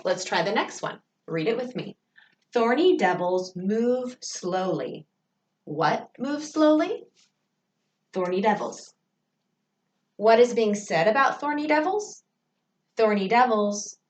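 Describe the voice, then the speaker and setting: A woman's voice: mid-range voice, roomy sound, distant mic, slight background noise. A woman teacher, patiently asking questions as she takes her pupils through a remote grammar lesson.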